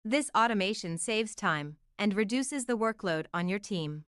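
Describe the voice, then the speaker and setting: A woman of medium pitch dictates scripted sentences in a very clear, smooth voice. Each is a standalone item, heard in a dry recording. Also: animated, moderate pace, fairly bright tone, dry recording.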